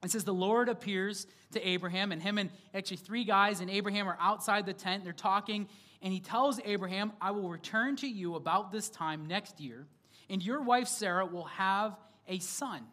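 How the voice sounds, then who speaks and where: Chatty, storytelling pastor preaching to a congregation. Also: male voice, sits high, normal speed, sharp tone. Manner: conversational storytelling with humor, asks the audience questions. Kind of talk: sermon to a congregation.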